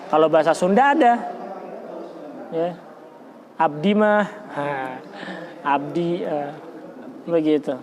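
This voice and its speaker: A man leads a religious study lecture in a relaxed, conversational way, with a notably high voice. He quotes Arabic verses and then explains them. He repeats points for emphasis and often stumbles into restarts. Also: takes it slowly, long pauses, a crowd in the background. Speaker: Islamic religious teacher.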